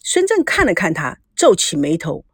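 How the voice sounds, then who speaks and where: Lively woman narrating a novel. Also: lowish voice, normal speed, husky, no echo, studio quality. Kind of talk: audiobook novel reading.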